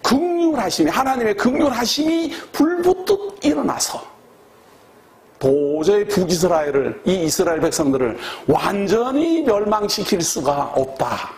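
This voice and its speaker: A man's voice: sits high, big pitch swings, moderate pace, creaky. A man preaching a sermon as pastor, emphatic and conversational, repeating key words for stress and putting questions to the congregation.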